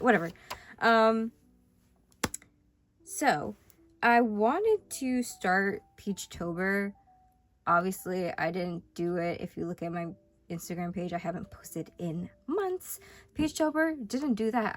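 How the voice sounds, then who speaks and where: A woman's voice: mid-range voice, lively intonation, a little slow. A young woman, sick, chatting casually and rambling through a sketchbook tour, cutting herself off often. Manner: chatty, rambling, self-interrupting. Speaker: vlogger.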